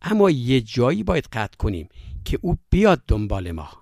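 A man with a Yazdi accent who tells stories and speaks reflectively, pausing on fillers between his anecdotes. His voice sits at an ordinary male pitch and comes across dry and close, with no room sound. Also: wildly swooping pitch, gravelly, a little mellow, dry recording. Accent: Yazdi Persian. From Yazd, Iran. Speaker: storyteller guest. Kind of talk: interview conversation.

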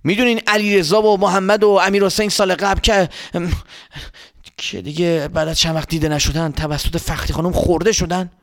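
A man's voice: high-pitched, fairly even intonation, voice pushed up. A man voicing a jittery young boy. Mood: insistent. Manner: breathless, panicky, rambling. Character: frightened young neighborhood boy.

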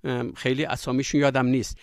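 A man's voice: medium pitch, flat delivery, no room sound, clean studio sound. Yazdi-accented man telling storytelling anecdotes. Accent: Yazdi Persian. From Yazd, Iran. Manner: reflective, anecdotal, with frequent filler pauses. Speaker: storyteller guest. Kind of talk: interview conversation.

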